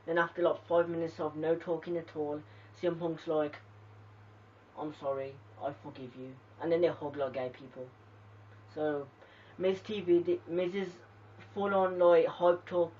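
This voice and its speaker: A home reviewer rambles through a casual spoken recap, filling gaps with "like" and "you know". The voice stays flat and even. It sounds distant and muffled, caught on a cheap lo-fi mic. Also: medium pitch, normal speed, slight background noise. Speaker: wrestling show reviewer.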